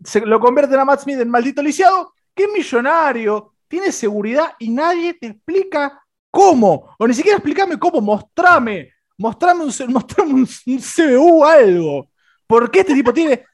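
A young man with a Rioplatense accent, co-hosting a casual film review podcast in an animated, joking way. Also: normal speed. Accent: Rioplatense Spanish. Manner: animated, joking, voice swings high and low. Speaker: podcast co-host.

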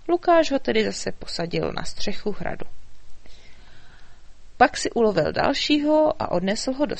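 Woman reading a lively children's story. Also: medium pitch, gravelly, no echo. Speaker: narrator.

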